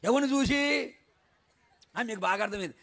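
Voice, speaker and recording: A man pastor preaching a storytelling sermon, dramatic, asking the congregation questions and sometimes shouting. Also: very high-pitched, moderate pace, creaky.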